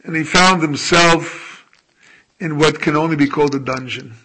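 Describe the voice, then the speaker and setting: A male rabbi giving a sermon in a slow, emphatic way, often letting his phrase endings fall soft. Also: a little high, rough recording.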